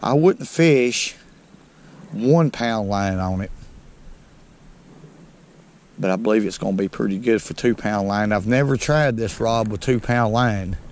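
A man's voice: fairly low pitch, darkish tone, slight background noise. A middle-aged man with a Southern American accent from North Alabama, chatting unhurriedly to viewers while fishing from a small boat on a lake. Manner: folksy, unhurried, talks to viewers as "folks". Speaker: fishing channel host. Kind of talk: casual fishing commentary. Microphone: head-mounted action camera.

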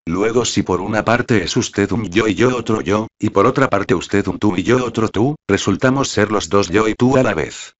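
A man's voice: fairly low pitch, normal speed, few pauses, muffled recording, natural voice. Man reading as a smug, ironic young rival. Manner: ironic, lecturing. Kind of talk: audiobook dialogue reading.

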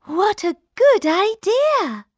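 A woman voicing a gentle, eager young princess in a read-aloud storybook, with bright exclamations. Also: very high-pitched, sing-song, slow pace, dry recording, studio quality, pitched above the performer's own voice, exaggerated voice.

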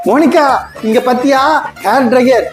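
A woman's voice: sits high, normal speed, darkish tone, faint music behind, close to an everyday voice. A woman playing a teasing, fussy father who scolds his little daughter in a comedy skit. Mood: flustered. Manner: teasing, then flustered and panicky.

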